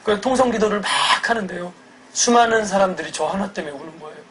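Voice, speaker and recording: A man, a church deacon, telling his personal faith testimony in an earnest, emotional way, going from hushed to loud. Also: high voice, quick pace, a little hiss or hum, rough recording.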